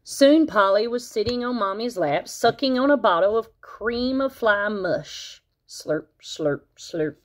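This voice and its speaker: A woman reading a children's picture book aloud, expressive and speaking the sound effects out loud. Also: fairly high pitch, unhurried, hardly any pauses. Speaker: storybook reader.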